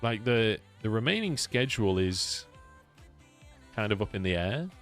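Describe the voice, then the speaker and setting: A man's voice: lowish voice, sing-song, measured pace, fairly bright tone, faint music behind. A British man, an esports caster, chatting casually on a stream, swearing freely and answering viewers' questions. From United Kingdom.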